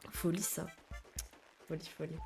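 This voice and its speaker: A woman's voice: low voice, level tone, measured pace, vocal fry. Chatty young woman streamer, faint game music. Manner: chatty, slangy, answers chat messages. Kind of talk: casual chat with viewers while gaming.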